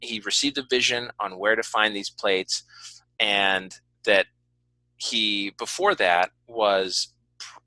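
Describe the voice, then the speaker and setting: In casual interview-style conversation, a podcast host with a slightly low voice and a strikingly bright, forceful edge earnestly explains his view, adding measured qualifications. His intonation is fairly even, and the recording is close, dry, echo-free and rough.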